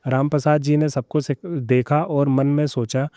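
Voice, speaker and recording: A man narrating a family story in a calm, even storytelling manner. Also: fairly high pitch, unhurried, no echo, clean studio sound.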